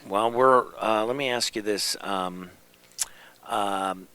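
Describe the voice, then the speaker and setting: Halting man hosting a talk show. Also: fairly low pitch, pushed and bright, slight background noise. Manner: halting, many fillers and restarts. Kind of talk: casual interview chat.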